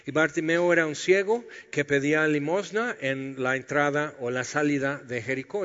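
Man preaching in an echoey hall. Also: a little high. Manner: lively storytelling, acting out biblical scenes with humor. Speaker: pastor. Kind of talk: sermon. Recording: reverberant hall, dull lo-fi sound.

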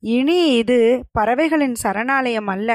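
A woman voicing a frail old male hermit who speaks in a soft, feeble, dreamy voice in a told story. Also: a little high, takes it slowly, no room sound, clean studio sound. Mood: solemn.

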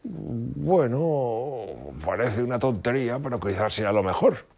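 Un hombre narrador que da voz a un zorro macho enfadado e irascible, con voz aguda y gritona. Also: male voice, very animated, moderate pace, slightly rough, heavily acted. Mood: grumbling. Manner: shouting, high-pitched, irritable. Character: cranky angry male fox, hot-tempered.

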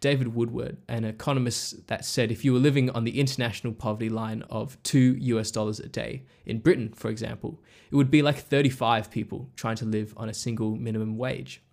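A male podcast host reads scripted narration at a mid pitch. He explains things in a steady, measured manner. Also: gravelly.

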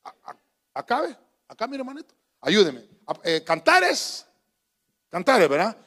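A man's voice: sits high, wildly swooping pitch, measured pace, fairly bright tone. A man preaching to his congregation in a folksy, joking way, often calling them brother. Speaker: pastor. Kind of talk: sermon. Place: church. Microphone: handheld microphone.

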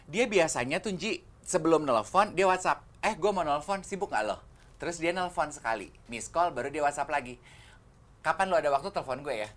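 A man's voice: fairly high pitch, fairly quick. Male podcast co-host, chatty storyteller who plays out the voices in his anecdotes. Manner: animated storyteller who acts out the other people in his stories. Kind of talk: casual chat.

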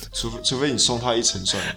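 A man's voice: mid-range voice, gravelly, sharp tone. A man, hosting a casual podcast chat, often restarting his sentences and slipping into English phrases. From Taiwan. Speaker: podcast host.

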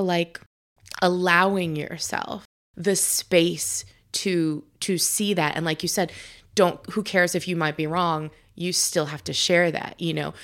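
A woman's voice: fairly low pitch, a bit bright. A woman hosting a podcast from her home kitchen, telling stories in a chatty way full of fillers and restarts. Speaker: podcast host. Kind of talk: casual chat.

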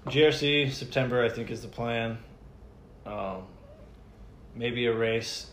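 A man's voice: medium pitch, slow pace, a bit bright. A man chatting casually in bro-ish slang. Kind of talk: casual chat. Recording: echoey room, faint noise.

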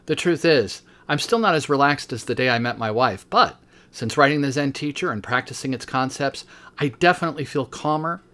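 A man in his fifties, a teacher hosting a podcast, reads his own book aloud at a steady pace and breaks off now and then for short spoken asides. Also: mid-range voice, brisk.

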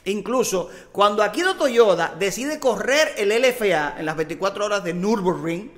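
A man, hosting and telling an animated anecdote, acting out the quoted dialogue. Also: sits high, normal speed, long reverb tail. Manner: excited storyteller, acts out quoted dialogue.

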